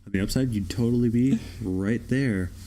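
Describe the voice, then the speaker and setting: A man co-hosting a casual movie commentary, making dry, offhand dark jokes. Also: mid-range voice, moderate pace. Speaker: commentary track co-host.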